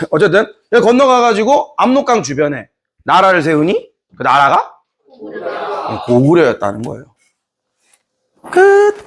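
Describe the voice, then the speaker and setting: A man teaching history in a lively lecture, playfully acting out scenes from the story. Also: fairly high pitch, normal speed. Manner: animated storytelling, playful, voices characters.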